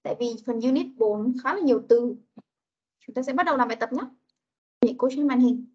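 High-voiced woman teaching kids online. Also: slightly rough. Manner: coaxing, models words slowly for children to repeat. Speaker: English teacher for young children. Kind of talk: online class lesson. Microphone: video call. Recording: dull lo-fi video call audio.

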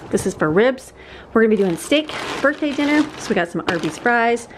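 On a handheld camera, a family vlogger in her forties chats through a grocery haul, laughing often and rambling, in a slightly high, lively voice that moves a little fast over background noise. The setting is an outdoor porch, with earlier footage at an indoor kitchen counter.

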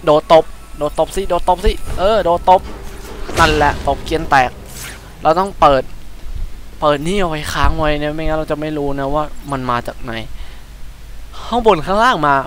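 A young man with a Thai accent giving chatty, excitable let's-play commentary, often startled into quick exclamations. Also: on the high side, a little hiss or hum, low-quality recording. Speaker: gaming channel host.

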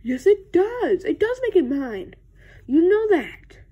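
A big, stubborn male echidna, voiced by a woman, in a homemade fan skit. He insists on his own childish logic in slow, plodding lines. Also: very high voice, sing-song, mellow, lo-fi sound, pitched above the performer's own voice, full character voice. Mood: insistent.

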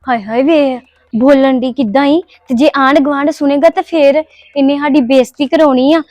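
A woman's voice: high-pitched, fairly even intonation, moderate pace, a little mellow, dry recording, close to an everyday voice. A woman playing a defiant young daughter-in-law. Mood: anxious. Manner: answering back, indignant. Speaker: actor. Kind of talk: village family drama acting.

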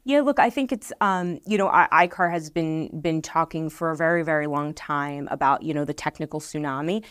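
On a podcast set, a middle-aged marketing director answers interview questions in a low, dry, slightly bright voice at a moderate pace. She explains earnestly, circling back with fillers and restarts. Her lapel mic captures close, dead sound with no room sound.

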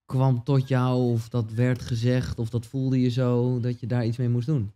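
A man's voice: medium pitch, little pitch movement, unhurried, mellow. A man hosting a podcast interview, asking questions in a casual way and often chiming in with short affirmations. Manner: supportive, frequent short affirmations. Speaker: podcast host.

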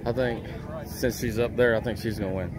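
A man's voice: lowish voice, fairly even intonation, fairly quick, very noisy. A man chatting and joking casually with people at an outdoor race event. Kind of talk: casual chat.

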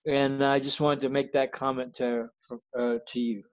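A man giving a slow, halting comment over a video call, with many restarts. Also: mid-range voice, flat delivery, clean tone, no room sound. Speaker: audience participant in online talk. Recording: dull lo-fi call audio.

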